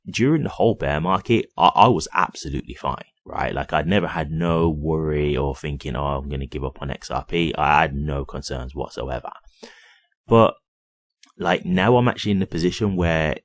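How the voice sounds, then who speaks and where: The audio is dry and studio-clean as a crypto YouTuber with a rumbling low voice offers casual, unscripted remarks directly to his viewers. He keeps things conversational, asking "right?" again and again.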